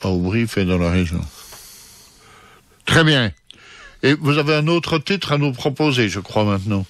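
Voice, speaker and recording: A man's voice: medium pitch, expressive, normal speed, fairly bright tone, dry recording. A man hosting a radio interview in a studio, affirming and repeating his guest's words. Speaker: radio host.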